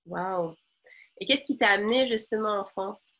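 A woman's voice: medium pitch, normal speed, a bit bright. A woman hosting an interview, effusive with frequent exclamations. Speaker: host.

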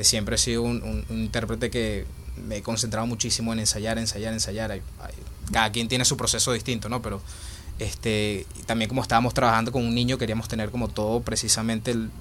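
A man's voice: fairly low pitch, a bit bright, slight background noise. A young Venezuelan man with a Venezuelan accent, answering interview questions about his short film, thoughtful and full of hesitations. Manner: thoughtful, many fillers and restarts. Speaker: filmmaker and actor.

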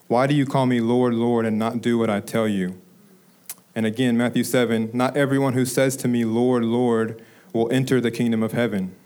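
A young man preaching a sermon to his congregation, telling a story and then slowing down to stress the key phrases. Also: mid-range voice, darkish tone. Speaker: preacher, ministry director.

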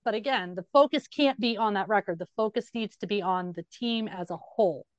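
A woman co-hosting a casual sports podcast, lively and excited, often laughing and talking over the others. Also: mid-range voice, brisk, no room sound, muffled recording.

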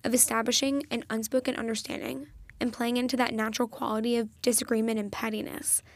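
A young woman talks through a film on her own podcast, eagerly retelling its scenes with real feeling. Her voice sits a little on the high side. The recording is dry and close, with no room sound. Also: little pitch movement, quick pace, no room sound. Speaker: podcast host. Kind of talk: solo film review podcast.

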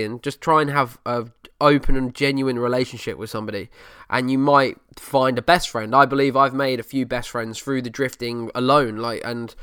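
A man's voice: medium pitch, sharp tone, clean tone, no room sound, studio quality. A man with an Essex accent, hosting a podcast and casually chatting through listener questions, sometimes dropping letters from his words. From Essex, England. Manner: drops letters, over-pronounces some words. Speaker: podcast host.

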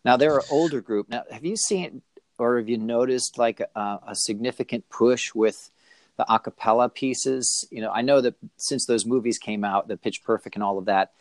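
A man's voice: medium pitch, moderate pace, dry recording. A man hosting an interview, easygoing and affirming, asking long rambling questions. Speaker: interviewer host. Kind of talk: conversational interview.

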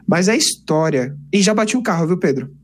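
A young man, casually telling lively stories on a podcast. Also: high voice, brisk. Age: 20s. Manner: animated, chatty, peppers speech with "cara". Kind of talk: casual storytelling chat.

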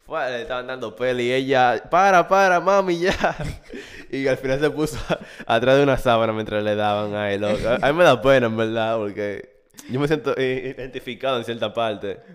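Laughing podcast host. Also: male voice, mid-range voice, a little fast, smooth. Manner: animated, laughing storyteller. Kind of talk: casual storytelling chat.

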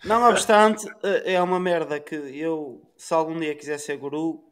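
Irreverent Portuguese man, slightly high voice. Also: fairly even intonation, normal speed. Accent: European Portuguese. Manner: irreverent, crude-mouthed. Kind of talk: casual chat.

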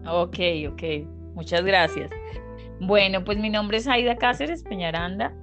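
A woman's voice: medium pitch, measured pace, music in the background. A middle-aged Colombian woman with a Colombian accent, a professor speaking as a podcast guest, articulate with fillers. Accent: Colombian Spanish. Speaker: occupational therapy professor, guest. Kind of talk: podcast interview.

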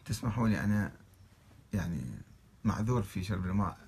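A man's voice: lowish voice, fast, creaky, darkish tone, husky. A man with an Iraqi Arabic accent reads religious texts aloud and critiques them, arguing his case with a string of rhetorical questions. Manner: argumentative, fires off rhetorical questions. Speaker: religious commentator.

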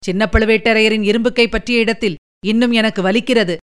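A woman's voice: on the high side, steady tone, a little fast, clear, resonant tone, close to an everyday voice. A woman reading an earnest young warrior. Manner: earnest, emphatic. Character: loyal, spirited young male warrior.

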